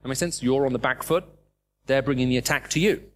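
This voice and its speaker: Preaching to a live audience at a quick pace, a middle-aged British-accented man who was raised in the Middle East speaks in a mid-range voice. He is emphatic and fills his sermon with rhetorical questions.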